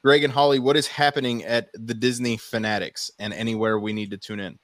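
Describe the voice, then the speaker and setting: Fast-talking upbeat podcast host man. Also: on the low side, fairly even intonation, fairly bright tone, no echo. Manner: grateful, upbeat wrap-up. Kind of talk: casual chat.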